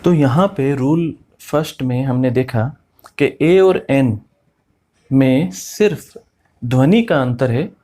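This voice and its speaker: A man's voice: medium pitch, dark tone. A man teaching English grammar as a classroom lecture, repeating each example as he explains.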